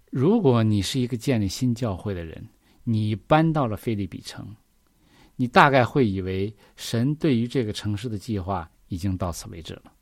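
A man's voice: medium pitch, a little mellow, no room sound, studio quality. A man preaching a sermon, reading scripture verses and explaining them earnestly, often asking the listeners questions.

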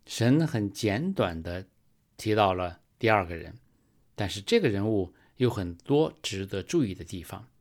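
A man preaching a sermon in a slow, measured storytelling manner, rising for emphasis. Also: lowish voice, animated.

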